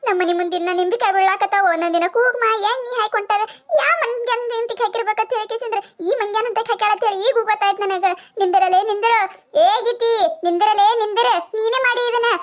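A woman voicing a loud, angry village woman with a North Karnataka accent, hurling insults in a cartoon comedy. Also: very high-pitched, steady tone, quick pace. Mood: furious. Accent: North Karnataka Kannada. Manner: shouting insults, scolding. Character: furious loud village woman, quick to accuse.

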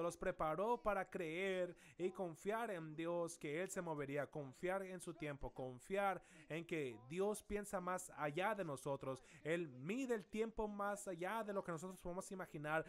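Man pastor preaching in church, kinda high voice, goes quiet and slow then big loud calls. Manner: dramatic, swings from soft and slow to loud calls. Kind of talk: sermon.

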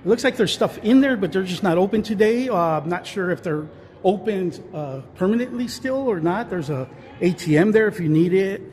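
This off-screen vlogger speaks in a high, animated voice, fairly quick and a little mellow, as he wanders an indoor shopping mall. His narration is loose and rambling, packed with fillers and restarts. The handheld phone recording carries a little hiss or hum.

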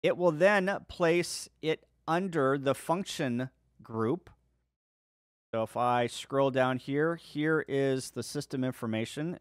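A man hosting his own channel, talking viewers step by step through a software setup in a relaxed, casual way. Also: medium pitch, no room sound, studio quality. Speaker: ham radio video host. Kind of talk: screen-share software tutorial.

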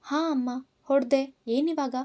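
A woman's voice: high-pitched, moderate pace, mellow, lightly acted. A woman voicing a spoiled, obsessive young woman who talks back in a defiant, taunting way, in a storybook reading.

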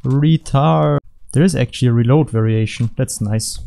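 A man giving rambling, deadpan, joking commentary over video game footage from his computer at home. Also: medium pitch, quick pace. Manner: deadpan, rambling, jokey asides. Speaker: gaming commentator.

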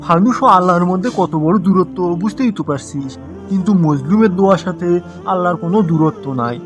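Speaking quickly in a high, animated voice over background music, a northern Bangladeshi man with a Bogura accent voices a cartoon schoolteacher who sarcastically lectures his pupil. His stern, preachy scolding leans on mock agreement and rhetorical questions, as the comic exchange drifts into a sermon.

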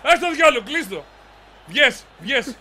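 Young guy screaming at his buddies over a football game, super high bright voice, all over the place. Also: big pitch swings, a crowd in the background. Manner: yells instructions, frustrated and rapid. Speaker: gamer playing a football video game with friends. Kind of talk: heated gaming banter, shouting and swearing.

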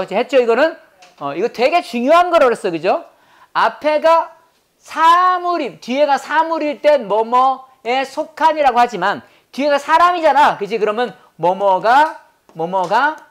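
Man drilling English grammar in call-and-response. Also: sits high. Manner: drills by asking questions and answering them himself; says English phrases slowly and deliberately. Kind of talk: classroom grammar lecture.

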